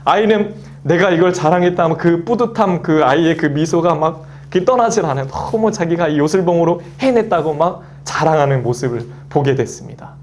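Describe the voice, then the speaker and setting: A man's voice: on the high side, lively intonation, a little fast, hardly any pauses, a little mellow, a little hiss or hum. A man in his thirties preaching a Sunday sermon as pastor, acting out quoted voices and a child's play as he goes.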